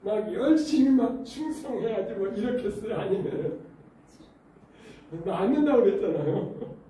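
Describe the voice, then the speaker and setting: A man's voice: sits high, normal speed, far from the mic, a little hiss or hum. A male pastor preaching a sermon in a church, telling stories and throwing questions at the congregation. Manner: animated storytelling with rhetorical questions to the congregation. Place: church sanctuary. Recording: very echoey church hall, voice off-mic.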